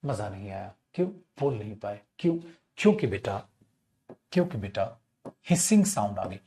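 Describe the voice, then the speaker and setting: This is a male English grammar teacher giving an online class. His voice rises and falls a lot, and he keeps a playful, teasing manner with his students. He slows right down to spell out key phrases and acts out the questions his students might ask. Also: fairly low pitch. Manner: lively, teasing, addresses students as beta and chhutku; spells phrases out slowly for emphasis.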